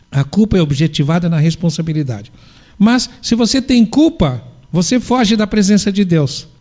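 High-voiced man lecturing. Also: darkish tone. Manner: rhetorical questions, answers them himself. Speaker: spiritual lecturer. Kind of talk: spiritist sermon lecture. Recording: dull lo-fi recording.

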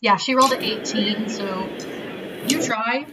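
A woman's voice: a little high, unhurried, very noisy. A woman acting as game master, narrating the scene and voicing sound effects.

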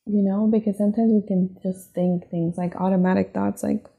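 A woman hosting her own podcast, talking gently and encouragingly in a reflective solo monologue, often asking "right?" and "you know". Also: mid-range voice, flat delivery, normal speed, gravelly. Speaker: podcast host. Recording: phone-like narrow sound.

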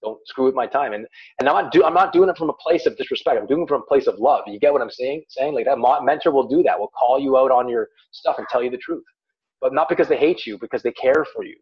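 A man's voice: medium pitch, fast talker, slightly rough, muffled recording. A man speaking as a life coach in a podcast chat, emphatic and repeating words as he makes his points. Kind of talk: podcast guest talk.

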